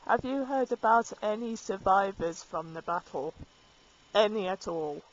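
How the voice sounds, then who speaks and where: A woman's voice: medium pitch, expressive, unhurried, highs cut off. A woman casually playing through a fantasy game, reading dialogue choices aloud in a dry manner. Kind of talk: let's play commentary.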